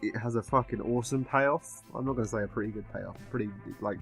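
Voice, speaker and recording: A man's voice: mid-range voice, fast, creaky, breathy edge, soft background music, poor audio. A man giving a casual film review in a drunken, rambling way, swearing often as he talks. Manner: frequent swearing.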